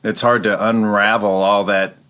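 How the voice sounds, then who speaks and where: A man co-hosting a casual podcast conversation, playful and quick to laugh. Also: lowish voice, smooth. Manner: playful, laughs often, animated. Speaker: podcast co-host.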